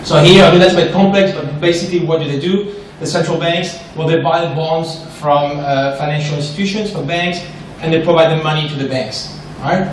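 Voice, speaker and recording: Slightly high and a little fast, with hardly any pauses, a Frenchman presents an investment seminar in a spacious echoey hall full of people. His delivery is animated, punctuated by questions and frequent "right?", and the far-off recording carries a faint hiss or hum.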